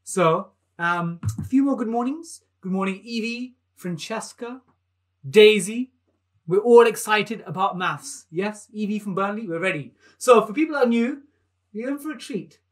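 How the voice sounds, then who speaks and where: A man in his thirties leads a live maths lesson for young children. He talks with bright enthusiasm, coaxing the kids to clap and jump along. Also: high voice, animated, a little slow. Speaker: maths teacher hosting a live online lesson.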